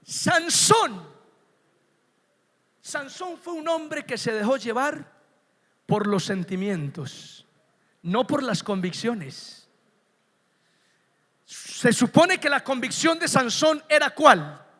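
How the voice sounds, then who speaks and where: A man preaching a sermon as pastor, emphatic, dropping soft and then rising to shouts. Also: extremely high pitch, sing-song, slow, pauses often. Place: church. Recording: long church reverb.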